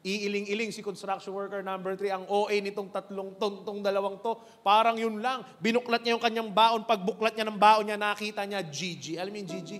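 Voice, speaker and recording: Preacher type, high voice, playful animated storyteller, echoey hall. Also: male voice, brisk, few pauses. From Philippines. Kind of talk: storytelling sermon. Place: cinema hall.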